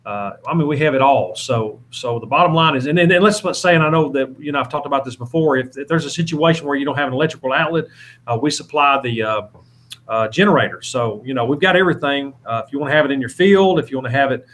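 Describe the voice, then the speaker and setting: A man's voice: medium pitch, fast, fairly bright tone. A man, an evangelist talking informally and earnestly in an interview, often exhorting and repeating himself. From Alabama, southern United States. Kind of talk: informal interview talk with preaching.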